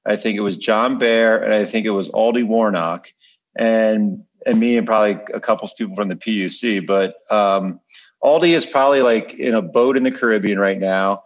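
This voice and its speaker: A man's voice: fairly low pitch, moderate pace, lo-fi sound. A man co-hosting a podcast in casual, conversational talk. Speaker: podcast co-host. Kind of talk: casual chat.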